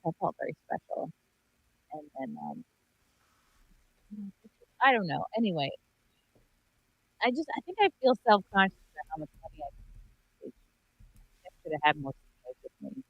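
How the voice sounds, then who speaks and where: A woman's voice: sits low, huge pitch swings, normal speed, pauses often, slightly rough, muffled recording. A woman telling a rambling, self-conscious story in casual chat, her voice coming through wobbly, warbling call audio that cuts out.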